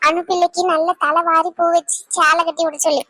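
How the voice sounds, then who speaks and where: A woman's voice: very high-pitched, level tone, a little fast, bright, forceful tone, a little hiss or hum. Woman voicing a fretful cartoon village mother. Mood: worried, pleading. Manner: lamenting, emotional, scolding. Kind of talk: Tamil cartoon voice acting.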